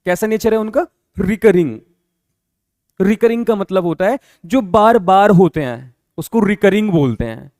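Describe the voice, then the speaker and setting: A man with a fairly high voice teaches accounting as a classroom lecture, explaining patiently and repeating the key terms. He keeps stopping to ask whether the students have understood. The recording is close and dry, with no room echo. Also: lively intonation, a little slow, a little mellow.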